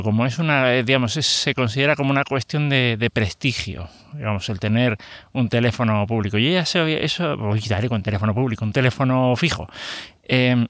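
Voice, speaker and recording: A man's voice: medium pitch, fairly bright tone, no room sound, clean studio sound. A middle-aged man with a Spain Spanish accent hosting a podcast alone. He talks casually and rambles, with many hesitations and self-corrections. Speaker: podcast host. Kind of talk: casual solo podcast talk.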